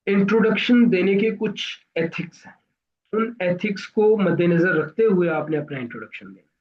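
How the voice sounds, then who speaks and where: A man from Pakistan coaching students for interviews, explaining deliberately and addressing them directly in an online class. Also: sits high, lively intonation, lo-fi sound.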